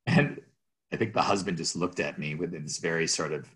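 A man who works as a real estate agent, telling rambling, animated stories about his career in an interview. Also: low voice, quick pace. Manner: rambling, restarts, animated anecdotes. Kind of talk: storytelling in an interview.

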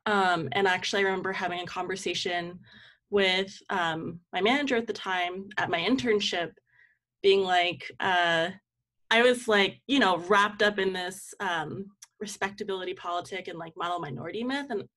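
Her voice is on the low side and fairly bright, moving at a normal speed. This young community organizer and campaign manager is guesting on an interview, speaking informally and reflectively and peppering her speech with "like."

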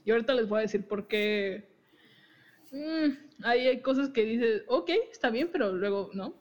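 A young podcast host with a slightly high, darkish voice explains game lore at a moderate pace. She's chatty and giggly, often cutting in on herself with restarts. The audio quality is dull and lo-fi.

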